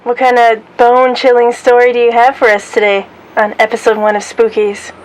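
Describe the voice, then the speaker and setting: A woman's voice: a little high, flat delivery, a little fast, poor audio. A woman hosting a casual paranormal podcast, presenting in a playful, showy way. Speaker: podcast host.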